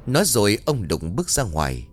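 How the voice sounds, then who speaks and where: A man narrating a ghost story in a dramatic, expressive storytelling manner. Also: lowish voice, brisk, faint music behind.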